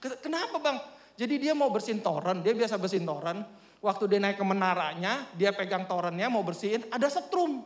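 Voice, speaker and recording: A male preacher tells a story in a lively, joking way. His voice sits very high for a man. The sound is echoey, as from a church hall. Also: a little fast. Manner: animated, humorous, addresses congregation often. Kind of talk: storytelling sermon.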